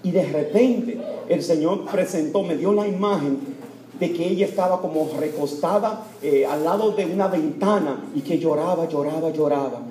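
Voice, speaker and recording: A man preaching an emotional sermon in a church, repetitive and full of fillers, swinging from loud fervent cries to hushed tones. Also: fairly high pitch, moderate pace. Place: church before Mass. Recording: echoey church room.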